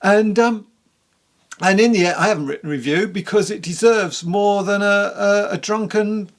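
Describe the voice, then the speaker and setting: Someone reviews a book casually to camera at normal speed, using a creaky, medium-pitched voice. They sound candid and conversational and ramble a bit.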